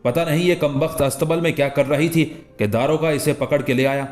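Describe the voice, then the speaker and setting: A hot-tempered governor who shouts his questions in a raised, higher voice, put on by a male audiobook reader. Soft music plays faintly behind him. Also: normal speed, lightly acted. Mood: angry. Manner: shouting, scolding. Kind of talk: audiobook character voice.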